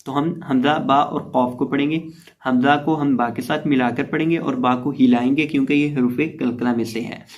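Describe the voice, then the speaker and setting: A man teaching Quran reading who spells out letters and vowel marks one by one, then repeats each word in a slow, drawn-out recitation with explanations between. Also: medium pitch, fairly even intonation, muffled recording. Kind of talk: step-by-step recitation lesson.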